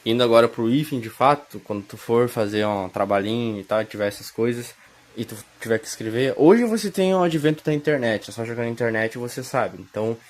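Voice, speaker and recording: A man's voice: mid-range voice, animated, brisk. A man gives a casual spoken grammar lesson recorded on a phone. He rambles, corrects himself and keeps checking in with his listeners. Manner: rambling, self-correcting, with frequent "tá?" check-ins. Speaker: self-taught grammar tutor.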